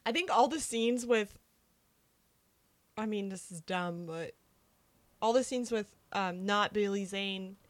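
A woman's voice: medium pitch, takes it slowly, pauses often. A young woman co-hosting a casual movie podcast, chatty and full of "like" fillers.

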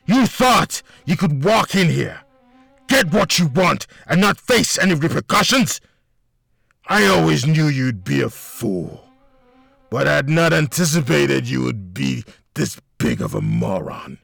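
A man voicing a menacing male villain with a gravelly voice and slow, taunting delivery. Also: fairly high pitch, big pitch swings, fairly bright tone, dry recording, full character voice.

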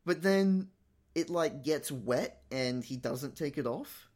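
A man's voice: a little high, expressive, takes it slowly, darkish tone. A man chatting casually and eagerly with friends about cartoon monsters. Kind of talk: casual chat.

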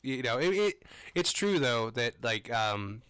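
A man's voice: mid-range voice, big pitch swings, measured pace, fairly bright tone, clean tone, no room sound. A man co-hosting a podcast, chatting casually and conversationally about films and shows, rambling with frequent asides. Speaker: podcast co-host. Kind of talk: casual film and TV fan chat.

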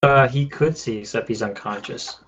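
A man's voice: medium pitch, normal speed, fairly bright tone, slightly rough, poor audio. A man narrating a tabletop game as game master, talking loosely with fillers.

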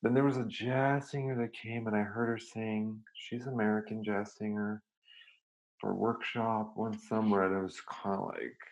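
A man, his voice gravelly and a little low. He talks in a thoughtful, searching way, often restarting his sentences as he reflects on his life in music. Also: little pitch movement, normal speed, muffled recording. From Serbia. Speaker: guest musician. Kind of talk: reflective casual conversation.

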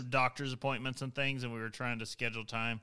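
A man's voice: mid-range voice, fairly even intonation, moderate pace, sharp tone, clean tone. A man co-hosting a podcast, joking and rambling in casual chat. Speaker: podcast co-host.

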